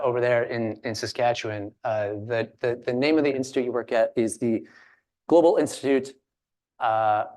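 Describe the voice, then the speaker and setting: A man from Alberta moderating a panel discussion in a loose, chatty way, with frequent fillers, restarts and self-deprecating asides. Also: medium pitch. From Alberta, Canada.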